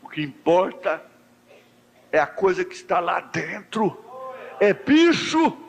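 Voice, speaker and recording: Brazilian pastor guy preaching in a church, high voice, drops soft then cries out, long hall echo. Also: fairly even intonation, unhurried, gravelly. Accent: Brazilian Portuguese. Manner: preaching with sweeping swings between soft low talk and high fervent cries. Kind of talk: sermon. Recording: echoey church hall recording.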